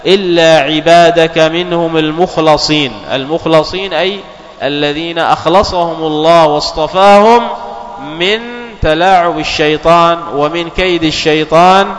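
Guy teaching a religious lesson, slow and careful, repeats himself, chants the quotes a bit, big echoey hall. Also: on the high side, fairly even intonation. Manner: measured, repeats key phrases, half-chants quotations. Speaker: Islamic scholar teaching. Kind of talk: religious lesson explaining hadith. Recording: long hall reverb.

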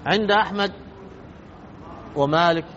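A man's voice: high-pitched, unhurried, fairly bright tone. A man teaching a religious lesson on jurisprudence in a slightly raised voice. He lays out each ruling step by step and repeats his key points so they sink in. The recording is muffled and lo-fi, with a faint hiss underneath. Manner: methodical, repeats points for emphasis. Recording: dull lo-fi with faint noise.

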